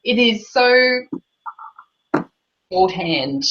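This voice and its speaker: A woman's voice: medium pitch, expressive, very slow, a bit bright. A woman with an Australian accent speaking on a panel, emphatic and indignant. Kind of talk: panel discussion. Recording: dull lo-fi sound.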